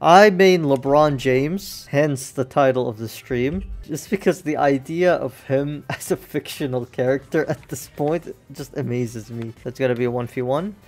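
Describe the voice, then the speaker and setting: A young man streaming a fighting game, cursing and yelling at his misses in casual commentary. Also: medium pitch, measured pace, hardly any pauses. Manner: excitable, swears a lot, yells at misses. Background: faint game music.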